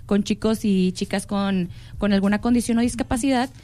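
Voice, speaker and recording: A woman's voice: mid-range voice, normal speed, mellow. A young woman with a Mexican accent, co-hosting a casual panel chat in an earnest tone and repeating words as she thinks. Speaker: podcast co-host.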